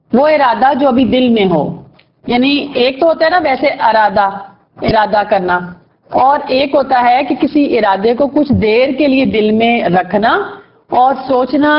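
A woman teaching a class, explaining word roots, quizzing her students and praising their answers. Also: a little high. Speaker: Quran vocabulary teacher. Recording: dull lo-fi recording.

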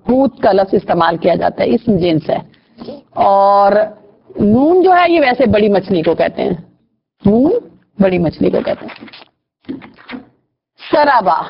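A woman teaching a Quran vocabulary class, patiently explaining meanings and spelling out root letters, often repeating words. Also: on the high side. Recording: dull lo-fi recording.

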